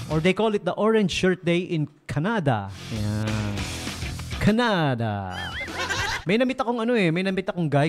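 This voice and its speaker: A man with a Filipino accent, a radio DJ chatting casually on air, joking and laughing often. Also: fairly high pitch. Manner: jokey, laughs often, mixes English into Tagalog. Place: radio studio.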